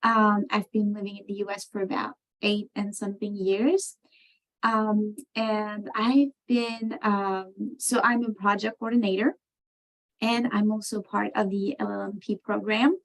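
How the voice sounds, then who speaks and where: Woman, from France, video call interview, mid pitch, thoughtful, lots of fillers. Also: flat delivery, a little slow, low-quality recording. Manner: thoughtful, many ums and you knows. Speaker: program participant.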